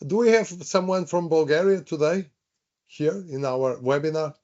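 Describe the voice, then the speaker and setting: A man's voice: a little high, normal speed, dark tone. A man teaching a live online workshop, chatty, repeating himself and asking the audience questions. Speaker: webinar trainer. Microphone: video call. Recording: dull lo-fi online call audio.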